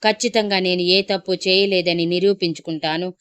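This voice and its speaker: A wronged young wife who will not back down, read by a woman narrator. Her lowish, smooth voice stays indignant and insistent throughout this audio story. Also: fairly even intonation, normal speed, fairly bright tone, natural voice.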